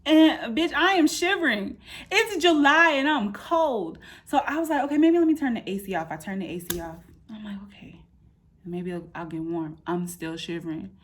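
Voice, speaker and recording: Indoors in an apartment room, a vlogger of thirty shares a casual update about her life. Her pitch runs on the high side at a normal speed, and her manner is candid, informal and slangy, an animated retelling peppered with quoted asides.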